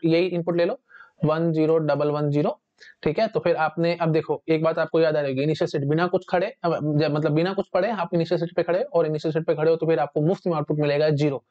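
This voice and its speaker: Guy teaching a quick revision class, talks fast, asks and answers himself, kinda muffled recording. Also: fairly high pitch, darkish tone.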